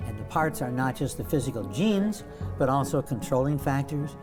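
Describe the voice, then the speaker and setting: A man as an interview guest, explaining at length in a measured, lecturing way and stressing key words. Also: medium pitch, lively intonation, over music. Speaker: guest author.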